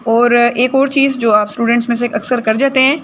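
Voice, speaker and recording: A woman teaching Quran recitation in a class, correcting students' pronunciation and slowly modelling words for them. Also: on the high side, flat delivery, fairly bright tone, a little hiss or hum.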